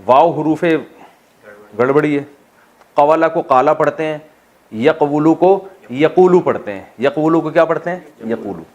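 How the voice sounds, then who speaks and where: A Pakistani Islamic scholar, whose voice is on the high side with a darkish tone, teaches a Quran exegesis class as a classroom lecture. He asks the class questions, answers them himself and jokes with his students.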